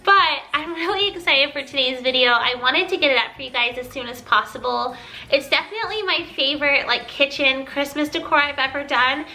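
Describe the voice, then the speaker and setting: This woman's brisk, high-pitched voice comes across pushed and bright, with a nasal, congested quality because she's sick. She's the upbeat, chatty host of a laid-back home decor vlog.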